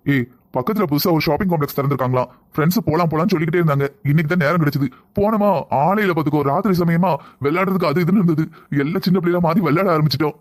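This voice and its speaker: Brief: man playing a breezy cartoon husband, southern Tamil accent, brisk, slightly high. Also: lightly acted. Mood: offhand. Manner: offhand, dismissive. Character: careless easygoing young husband. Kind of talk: cartoon voice acting.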